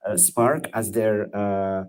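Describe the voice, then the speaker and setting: A man with a fairly low voice speaks in a measured, explanatory way. He is a guest on an online panel and is heard over a video call. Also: fairly even intonation, a little mellow, smooth. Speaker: guest expert. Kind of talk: casual online panel chat.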